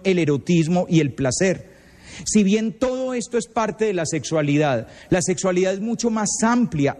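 Colombian male speaker, high voice, animated storyteller, long hall reverb. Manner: lively storyteller acting out quoted voices. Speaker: retreat leader. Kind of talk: lecture to parents with anecdotes.

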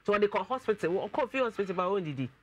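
A woman hosting a studio talk show, animated and chanting catchphrases. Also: medium pitch, quick pace, dull audio. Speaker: host.

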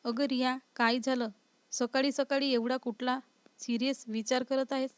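A woman's voice: sits high, flat delivery, normal speed, clear, resonant tone, dry recording, lightly acted. A woman voicing a teasing young husband. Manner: teasing, lightly mocking.

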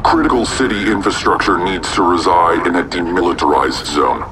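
Casting: male actor as stern game broadcast orator, low register, measured, heard from a distance. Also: close to an everyday voice. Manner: declamatory, measured. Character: solemn male announcer delivering a public warning. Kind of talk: scripted broadcast in a video game. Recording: distant, crowd noise behind.

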